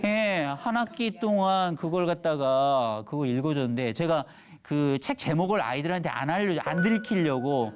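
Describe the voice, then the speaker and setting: A middle-aged man, an elementary school teacher, giving a lively lecture on a TV stage and acting out the voices of children and parents. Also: a little high, normal speed. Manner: animated storytelling, acts out children's and mothers' voices.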